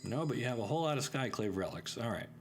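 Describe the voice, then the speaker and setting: A man's voice: mid-range voice, animated, quick pace, a little hiss or hum. A man hosting a card-game channel, thinking aloud and commenting on his plays in an upbeat way. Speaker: gaming channel host. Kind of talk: casual gameplay commentary.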